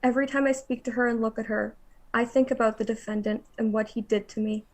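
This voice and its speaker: A young woman reading a court statement aloud in a measured, steady way. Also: fairly high pitch. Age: young adult.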